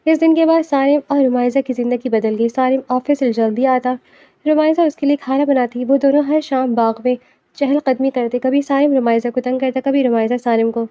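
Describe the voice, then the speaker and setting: A woman narrating a romance novel as an audiobook in a steady, even reading. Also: sits high, dry recording.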